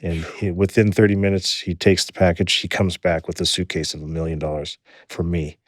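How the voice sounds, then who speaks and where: A man in his forties, a podcast guest, telling a story in a casual, animated, profane way. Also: sits low, a little fast, no room sound, studio quality. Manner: animated, profane, repeats words when excited.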